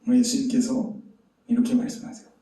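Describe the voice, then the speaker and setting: In a church sanctuary, a pastor preaches a very animated sermon in a fast, dark-toned, medium-pitched voice. He tells a story and throws rhetorical questions at the congregation. A distant mic picks him up in a very echoey hall.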